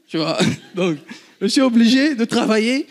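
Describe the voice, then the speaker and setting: A man in his thirties from Benin with a Beninese accent, an entrepreneur talking casually to an audience and telling animated stories with laughs. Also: very high voice, normal speed. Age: 30s. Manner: animated storytelling, laughs often, swears casually. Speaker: guest entrepreneur.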